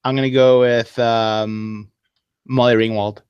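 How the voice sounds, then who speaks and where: A man with an ordinary mid-range voice giving his opinions on a film in relaxed podcast chat. He jokes, stresses his points and repeats phrases for effect, recorded dry and close. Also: mid-range voice, a little slow, smooth, no echo, muffled recording. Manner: joking, emphatic, repeats himself. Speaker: podcast co-host. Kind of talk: casual movie-review chat.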